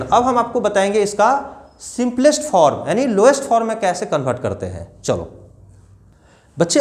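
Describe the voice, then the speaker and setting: A man teaching a maths class step by step, asking his students questions. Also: high-pitched. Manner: addresses students as children, explains step by step with repeated questions. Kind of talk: classroom lesson.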